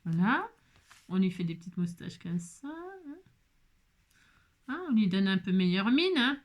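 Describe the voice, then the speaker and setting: A woman's voice: medium pitch, big pitch swings, measured pace. A woman hosting a casual crafting tutorial, chatty and self-mocking, repeating herself and talking straight to her viewers. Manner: chatty and self-mocking, jokes and laughs often; repeats words, talks directly to viewers. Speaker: craft channel host.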